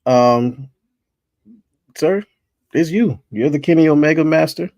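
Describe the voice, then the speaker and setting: A man's voice: on the high side, unhurried, a little mellow, no room sound, lo-fi sound. A man hosting a casual wrestling chat with friends, laid-back and rambling, laughing easily. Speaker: host running a wrestling bracket show.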